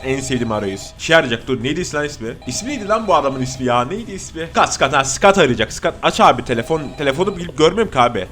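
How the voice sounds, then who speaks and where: A man giving casual, jokey horror gameplay commentary as a streamer. He gets excitable, swears often and talks straight to his viewers. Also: fairly high pitch, racing, hardly any pauses, music in the background. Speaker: gaming streamer.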